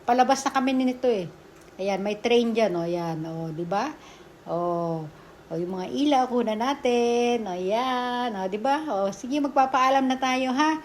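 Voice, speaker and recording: A middle-aged woman with a Filipino accent, narrating her family vlog in a chatty, laughing voice-over recorded at night in a quiet room. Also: on the high side, unhurried, slight background noise. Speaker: vlogger.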